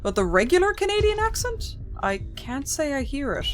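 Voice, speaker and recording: Her voice sits high and swings widely in pitch at a moderate pace as this young woman plays a game and chats with viewers. Game music runs underneath her wry, rambling commentary and chat-reading, full of self-corrections and restarted sentences.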